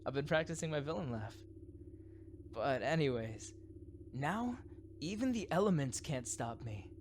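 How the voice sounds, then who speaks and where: A man's voice: on the high side, measured pace, slight background noise. Man acting as a theatrical, swooping supervillain boyfriend. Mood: boastful. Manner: theatrical, expressive, teasing. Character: theatrical supervillain boyfriend, proud, flustered, secretly doting. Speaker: ASMR roleplay voice actor. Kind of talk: dramatic ASMR boyfriend roleplay.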